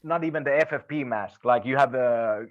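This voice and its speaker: Male co-host, middle pitch, blunt ranting chat, muffled lo-fi recording. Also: normal speed. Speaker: podcast co-host. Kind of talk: casual chat. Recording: slightly dull lo-fi sound.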